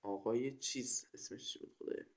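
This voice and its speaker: A man giving casual, informal running commentary on a game, talking to himself and to his viewers. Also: mid-range voice. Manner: informal running self-talk, addressing viewers. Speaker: gaming video host. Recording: game music behind the voice. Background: loud game music.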